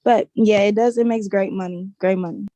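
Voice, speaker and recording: A woman from Chicago, a guest content creator, chatting in a relaxed way. Her voice is mellow and warm. It sounds dry and close. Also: medium pitch, normal speed, no room sound. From Chicago, USA. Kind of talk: casual group interview.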